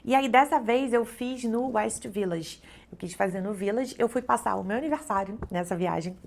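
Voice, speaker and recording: Her voice is a little high and a little mellow, with vocal fry and a moderate pace, and there's a faint hiss or hum on the recording. She's a middle-aged Brazilian travel vlogger and photographer with a Brazilian Portuguese accent, casually chatting to viewers on camera with frequent fillers like "né" and "então."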